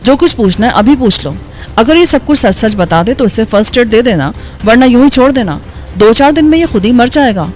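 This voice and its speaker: A woman's voice: on the high side, animated, faint music behind, close to an everyday voice. A woman voicing Gloria, a furious scornful woman. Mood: harsh. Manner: sharp, contemptuous and shouting. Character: angry scornful young woman gang member.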